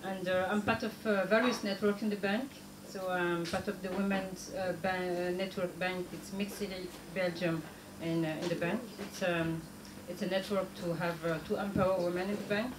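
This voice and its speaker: Halting Burundian woman in an echoey room. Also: fairly low pitch. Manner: halting, hesitant delivery with frequent pauses. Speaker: guest speaker, banker. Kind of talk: talk show presentation. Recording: echoey room, clear background noise.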